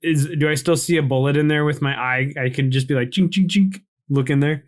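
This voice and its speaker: A man's voice: medium pitch, fast talker. A man playing a tabletop game, describing his character's actions with frequent laughs and restarts. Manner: laughing, self-interrupting, animated. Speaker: player. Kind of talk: casual tabletop role-play.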